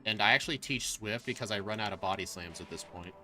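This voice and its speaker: Man, speedrun streamer, casual chat, low pitch, bright forceful tone, blunt teasing. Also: quick pace, soft background music. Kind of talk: casual chat while gaming.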